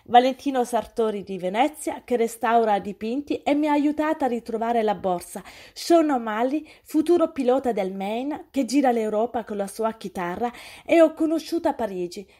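A woman's voice: on the high side, animated, normal speed, warm tone. A woman voicing an embarrassed young student. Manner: awkward, apologetic.

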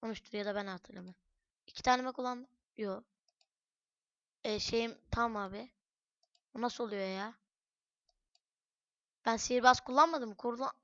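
A woman giving chatty let's-play commentary on a headset mic at home, cursing and breaking into loud shouts. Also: a little high, no echo, lo-fi sound. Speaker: gaming channel host. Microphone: headset microphone.

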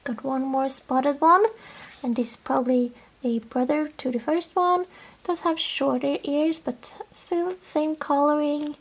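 A woman's voice: high-pitched, steady tone, a little slow. A woman with a Swedish accent, chatting casually as she shows off her toy collection, often dropping almost to a whisper. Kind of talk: casual show-and-tell vlog.

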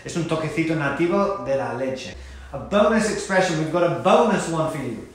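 A man's voice: on the high side, lively intonation, moderate pace. Playful man teaching in an echoey room. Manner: playful, acts out short example dialogues. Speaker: English teacher. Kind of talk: casual English lesson.

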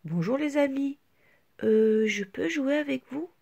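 A woman's voice: high-pitched, lively intonation, measured pace, vocal fry, a little mellow, highs cut off, pitched above the performer's own voice, exaggerated voice. A woman voicing a small, shy little girl ink blot who speaks timidly and hopefully.

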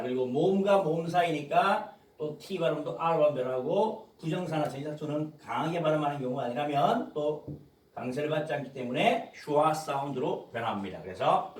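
A man teaching an English pronunciation lesson to students, modeling phrases slowly and explaining quickly. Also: on the high side, far from the mic. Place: classroom with students. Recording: echoey room, voice off-mic.

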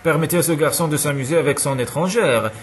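A man's voice: a little high, quick pace, slight background noise, natural voice. A man reading as a jovial, stout elderly father who lectures in an easygoing, dismissive way. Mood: breezy lecturing.

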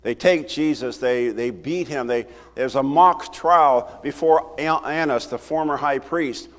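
An older man preaching a sermon from a church pulpit, talking to the congregation in a conversational, animated way. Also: mid-range voice, measured pace. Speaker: pastor. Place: church sanctuary, at a wooden pulpit. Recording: roomy hall reverb from the sanctuary.

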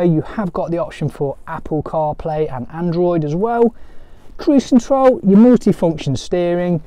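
A man's voice: a little high, dark tone, clear, resonant tone, no room sound. A man presenting a dealer walk-around video of a camper van, with upbeat sales patter and repeated words, recorded on a handheld phone outdoors and inside the van. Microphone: phone camera held by the speaker.

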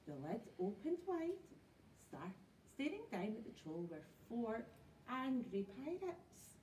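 A woman teacher reading a picture book aloud in an expressive, animated way. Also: a little high, slow pace, a little hiss or hum. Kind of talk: storybook read-aloud. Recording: roomy echo, mic at a distance.

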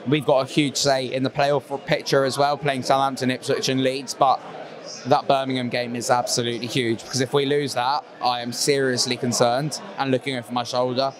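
A man's voice: mid-range voice, flat delivery, brisk. Male guest with a middling voice building long arguments; chatter of a crowd in the background. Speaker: football pundit guest. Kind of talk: casual football chat. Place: small studio set with a painted wall backdrop. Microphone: handheld mic.

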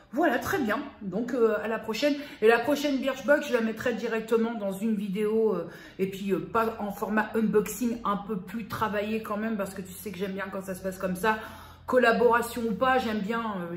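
Chatty woman vlogging, talks to you like a friend, echoey room, bit of background hum. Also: fairly high pitch. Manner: chatty, self-mocking, addresses viewer familiarly. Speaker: beauty vlogger. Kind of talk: casual chat to the viewer. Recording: roomy echo, faint background noise.

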